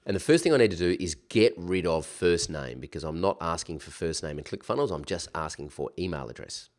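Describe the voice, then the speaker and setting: A man with a nasal, blocked-up voice from a cold, like he has his nose pinched, giving a casual, chatty software tutorial with informal asides. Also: sits low, lively intonation, brisk. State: recovering from a cold. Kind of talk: casual screen-share tutorial.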